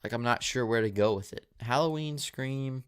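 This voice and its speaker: A movie channel host in his twenties runs a live Q&A, reading viewer questions and answering casually, rambling with fillers and restarts and a dry mouth. His voice is mid-range and clean in tone, at a moderate pace.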